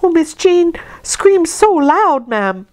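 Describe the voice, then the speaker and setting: A woman's voice: very high voice, sing-song, slow, darkish tone, no room sound, voice pushed up, heavily acted. A woman reading an audiobook, voicing a concerned young nursemaid asking anxious questions. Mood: pleading. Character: kindly young nursemaid, worried.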